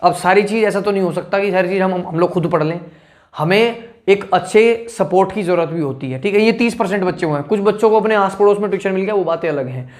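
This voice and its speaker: A man's voice: sits high, fast. A male teacher giving exam advice to students in a blunt, scolding way, checking in with them again and again. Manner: blunt, scolding, keeps asking "ठीक है ना".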